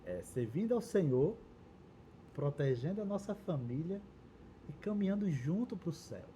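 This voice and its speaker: A man's voice: a little high, sing-song, moderate pace, dark tone, a little hiss or hum. A Brazilian man leading a Bible study dialogue, reading verses aloud and explaining them earnestly. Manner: reads scripture aloud, then explains it earnestly. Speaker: church Bible teacher.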